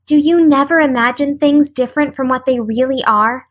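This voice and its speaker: A woman's voice: high-pitched, normal speed, fairly bright tone, voice pushed up. A woman voicing an eager, imaginative young orphan girl who speaks in a breathless, pleading, wide-eyed way. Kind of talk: audiobook character voice.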